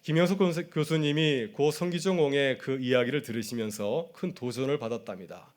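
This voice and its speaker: A man's voice: mid-range voice, brisk. Man preaching a storytelling sermon. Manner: storytelling preacher who acts out quoted voices; asks the congregation questions directly. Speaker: pastor.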